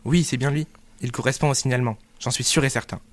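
A man playing a confident traveler in a read-aloud drama, with an even, matter-of-fact reading. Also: mid-range voice, fast, dry recording, close to an everyday voice. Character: chatty male traveler, confident.

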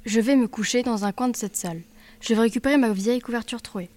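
A woman's voice: on the high side, fast talker, a little mellow, natural voice. A woman voicing an old female innkeeper who bustles about and orders a meal in an audio drama reading. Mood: hospitable.

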